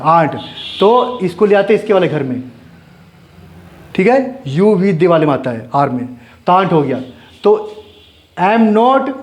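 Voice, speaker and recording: High-voiced man teaching grammar. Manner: explains step by step, asks and answers his own questions; spells out letters slowly and repeats words. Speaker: English teacher. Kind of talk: classroom grammar lesson.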